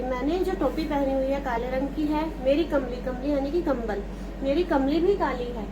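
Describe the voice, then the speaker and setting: Female teacher, high voice, explains poetry line by line; home recording with steady background noise. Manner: reads verse lines slowly, then explains in plain talk. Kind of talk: explaining a Hindi poem to students.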